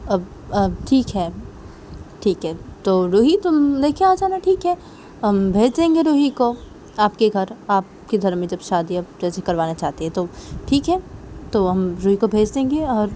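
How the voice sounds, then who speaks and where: A woman's voice: mid-range voice, lively intonation, measured pace, warm tone, a little hiss or hum, natural voice. A woman doing a stern commanding father.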